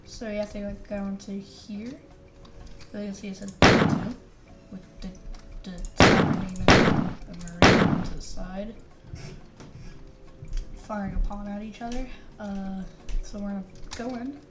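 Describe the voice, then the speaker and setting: This YouTuber, a woman reviewing a game mod, rambles casually through what's on screen while she plays. Her mid-range voice is fairly even and a little slow, with frequent pauses, and the distant mic sounds roomy under loud game music.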